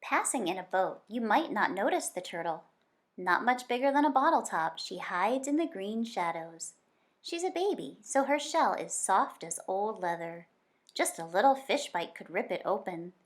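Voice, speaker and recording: In a mid-range voice, a woman reads a kids' nonfiction picture book out loud, teacher-style, with an expressive and deliberate storytelling delivery.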